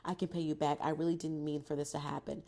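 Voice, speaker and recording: Woman voicing a broke young woman, flustered, pleading, low gravelly voice, read-aloud novel. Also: flat delivery, quick pace, mellow.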